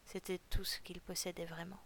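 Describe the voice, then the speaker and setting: A woman reads a novel aloud in a calm, steady way. Her voice is low and gravelly, and it barely rises or falls. The delivery is that of an audiobook. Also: brisk. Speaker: narrator reading a novel. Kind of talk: audiobook reading.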